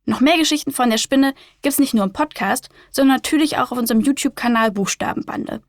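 A woman reading a children's story aloud and chatting about it in a lively, clear way. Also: sits high, fast, no room sound, clean studio sound.

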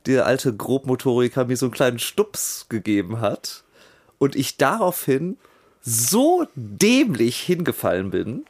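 Animated German man telling a story. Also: medium pitch, unhurried. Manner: animated storyteller, acts out scenes with raised voice. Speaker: podcast host. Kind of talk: casual chat.

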